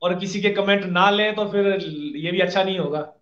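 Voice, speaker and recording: A man's voice: sits high, fairly even intonation, moderate pace, a bit bright. A man hosting a live online interview, polite and effusive, his voice cutting in and out over a weak network connection. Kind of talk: live-stream chat reading out viewer comments. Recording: echoey, dull, glitchy internet audio.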